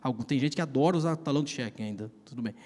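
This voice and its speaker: A man's voice: mid-range voice, rapid-fire, a little mellow. A Brazilian man preaching a sermon, telling a personal story in a casual, slangy way. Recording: long reverb of a large hall.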